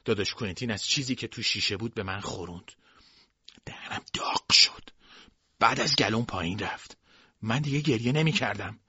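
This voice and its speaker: A man's voice: fairly low pitch, bright, forceful tone, breathy edge, no room sound, highs cut off. A man giving first-person scripted narration of a novel in a plain storytelling way. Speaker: audiobook narrator.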